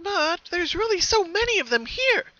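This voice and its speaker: A bouncy young cartoon girl pony gushes in singsong cheer with a sinister edge and scheming glee. Her squeaky-high, very bright voice swings wildly, very animated and heavily acted at normal speed. The recording is muffled.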